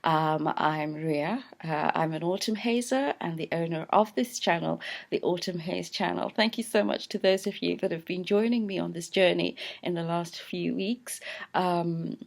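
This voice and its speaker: A woman's voice: lowish voice, normal speed, gravelly. A woman in her fifties talking to camera in a casual vlog, reflective and hesitant, with many fillers and restarts. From London. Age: 50s. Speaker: channel owner. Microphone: close camera framed on mouth.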